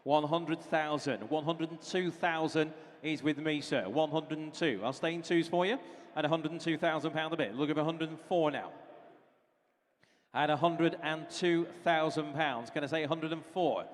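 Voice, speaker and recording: A man's voice: on the high side, normal speed. A British man working as an auctioneer, calling bids in a running patter of repeated figures and prompts to bidders. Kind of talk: live auction calling, running bid chant. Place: large reverberant auction hall. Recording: reverberant hall sound.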